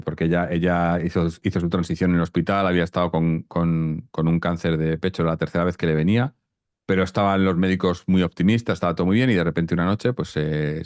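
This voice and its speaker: Deep-voiced man telling a story haltingly. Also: a little mellow, dry recording. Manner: halting, many restarts and repeated words. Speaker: interview guest. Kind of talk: personal storytelling in an interview.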